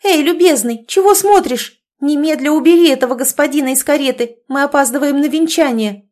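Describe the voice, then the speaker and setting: A woman voicing a bold, indignant sixteen-year-old girl with sharp, commanding speech, in an audiobook reading. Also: high-pitched, brisk, voice pushed up, lightly acted.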